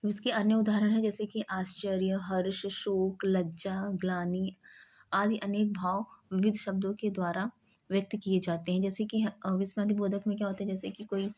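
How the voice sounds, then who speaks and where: A woman teaching an exam-prep grammar lesson, explaining each term and then acting out short example sentences with stress on the key word. Her voice sits at a medium pitch. The recording sounds slightly dull and muffled. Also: little pitch movement, moderate pace, a little mellow.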